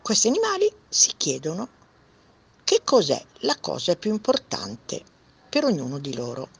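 A woman reading a picture book aloud to children, animated and sing-song. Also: medium pitch, breathy edge. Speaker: children's story reader. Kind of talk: storybook read-aloud for children.

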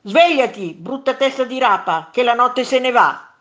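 A woman voicing a quarrelsome, hot-tempered monster in a children's story read aloud, shouting insults in a raised, lively voice. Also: medium pitch, slow pace. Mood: angry shouting.

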